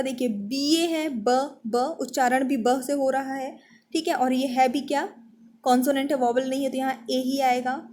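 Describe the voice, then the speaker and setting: A woman teaching an online exam-prep class. She quizzes briskly, reads each question out slowly, then explains the answer step by step. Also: high voice, darkish tone.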